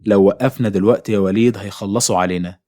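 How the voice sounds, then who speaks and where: A man's voice: on the low side, fairly even intonation, very fast, mellow, no echo, studio quality, lightly acted. A man with an Egyptian Arabic accent voicing a brave young man in a horror story, firm and determined.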